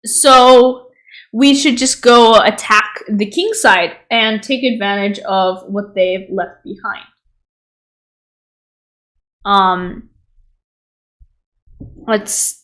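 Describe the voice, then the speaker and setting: A woman's voice: mid-range voice, very slow, long pauses, a bit bright. A woman streamer going over viewers' chess games in a casual live analysis, easily amused and chatting between moves. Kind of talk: casual livestream game analysis.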